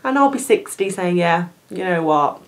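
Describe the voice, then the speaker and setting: A young woman talks to her camera in a relaxed question-and-answer chat, her voice sitting a little low for a woman. She's animated and laughs easily between thoughts. She's recorded indoors in a plain room. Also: normal speed. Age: young adult. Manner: chatty, animated, laughs often. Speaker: cruise ship crew vlogger. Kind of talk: casual Q&A to camera.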